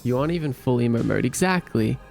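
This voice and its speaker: A man's voice: mid-range voice, animated, fast talker, vocal fry, darkish tone, soft background music. A young man, casually chatting and joking with his livestream viewers. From Australia. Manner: playful, laughing, teasing chat. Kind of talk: casual chat reading viewer comments.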